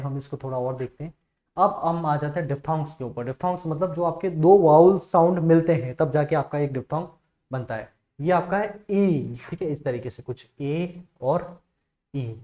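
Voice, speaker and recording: Man teaching phonetics. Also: mid-range voice. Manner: reads word lists aloud, louder on example words; asks "clear?" and says "okay" often. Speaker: English teacher. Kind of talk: phonetics lesson.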